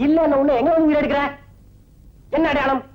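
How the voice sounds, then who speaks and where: A jumpy comic policeman who mocks the people who come to him for help. His voice is shrill and extremely high for a man. The sound is dull and muffled, like an old film print. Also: flat delivery, quick pace. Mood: mocking. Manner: mocking and easily startled. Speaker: police officer. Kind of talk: 1980s film comedy acting.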